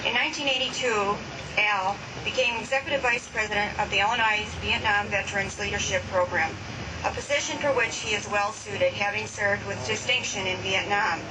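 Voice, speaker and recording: A woman's voice: mid-range voice, fairly quick. A woman acting as master of ceremonies, formally reading prepared introductory remarks in a podium speech. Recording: distant mic with clear background noise.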